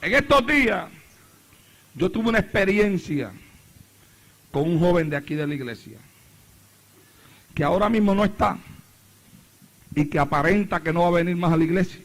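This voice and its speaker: A man's voice: high voice, animated, moderate pace, long pauses, a bit bright. A middle-aged man preaching a sermon as pastor, repeating phrases with rising fervor. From Puerto Rico.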